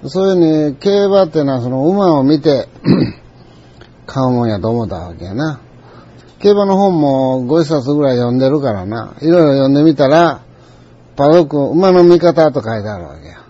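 A man with a Kansai accent tells a rambling, conversational story full of asides. His voice is husky and mellow, swinging widely in pitch. The recording sounds dull and lo-fi. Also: animated, fairly quick. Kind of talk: storytelling monologue.

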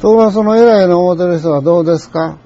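An older man with a Kansai accent muses in a rambling, folksy monologue and keeps pausing to clear his throat. His voice sits a little high yet sounds mellow and soft-edged. The recording is dull and lo-fi, with a faint hiss behind it. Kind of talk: reflective monologue.

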